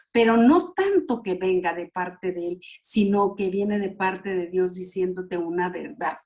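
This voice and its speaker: A woman's voice: on the low side, darkish tone. A middle-aged woman teaching a church premarital class, repeating words and acting out prayers and sound effects. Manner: slow, repetitive, with sound words and acted prayers.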